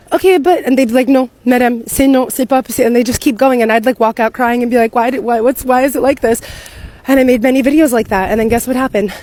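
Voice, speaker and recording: A young woman from the United States tells a story at a rapid clip, her voice sitting a little high. She is animated and profane, and she acts out the people in her story as she goes. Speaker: expat content creator. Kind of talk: casual storytelling to camera.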